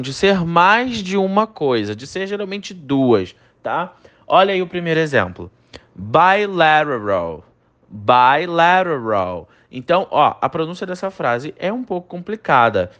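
Lively man teaching English pronunciation. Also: on the high side. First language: Portuguese. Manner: lively, repeats English words slowly for pronunciation drills. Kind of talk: online language lesson.

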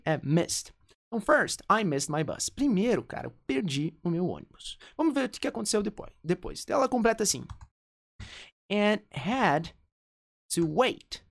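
A woman with a Brazilian Portuguese accent, explaining an English lesson and repeating example phrases slowly. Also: fairly low pitch. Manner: repeats example phrases slowly, switching between two languages. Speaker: English teacher.

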